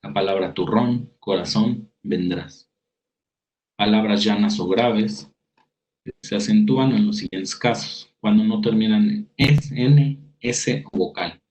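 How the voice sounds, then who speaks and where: A man with a fairly low voice and a Mexican Spanish accent gives a spoken lesson on spelling rules. He reads definitions out, then explains them with worked examples in a steady teaching manner, often restarting a phrase as he goes. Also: takes it slowly, faint music behind, poor audio. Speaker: writing workshop instructor. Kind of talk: spoken lecture over slides.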